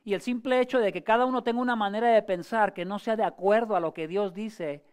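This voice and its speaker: Conversational pastor preaching with questions. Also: male voice, high voice, fast, clean tone. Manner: frequent hesitations and restarts. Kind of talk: sermon.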